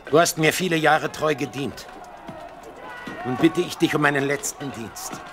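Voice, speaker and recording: An actor playing a proud, despairing king in a Bible radio play, speaking gravely and with command. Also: fairly high pitch, normal speed, natural voice. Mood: solemn, commanding. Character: proud, despairing defeated old king Saul.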